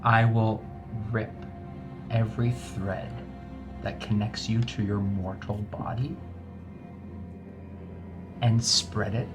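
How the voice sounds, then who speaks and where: A man's voice: on the low side, fairly even intonation, music in the background. Man as a menacing, ruthless adventurer. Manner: deliberate, menacing. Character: threatening, ruthless dragon-keeping adventurer named Wrath. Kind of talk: in-character tabletop role-play.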